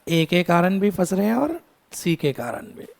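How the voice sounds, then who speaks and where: A man teaching a tax lecture in Hindi mixed with English, quizzing his students, calling them "beta" and scolding them briskly. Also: sits high, big pitch swings, gravelly. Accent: Indian English. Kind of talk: classroom lecture.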